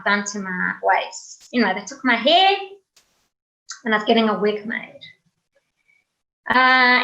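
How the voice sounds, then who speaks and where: A woman's voice: fairly high pitch, a bit bright, echoey room, lo-fi sound. A woman giving a candid personal testimony on a video call, telling her story conversationally and acting out what people said to her. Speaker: guest speaker, cancer survivor.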